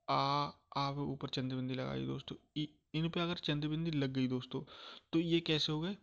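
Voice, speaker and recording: A man teaching a grammar lesson, repeating phrases patiently and slowly sounding out each vowel for his listeners. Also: fairly high pitch, fairly bright tone, muffled recording. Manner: repetitive, calls listeners "friends", checks understanding often.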